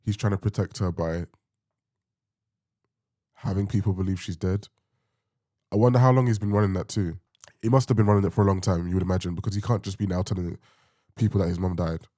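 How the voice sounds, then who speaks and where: Male reaction host, lowish mellow voice, informal and musing, close dry sound. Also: brisk, pauses often, no room sound. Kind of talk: casual reaction commentary.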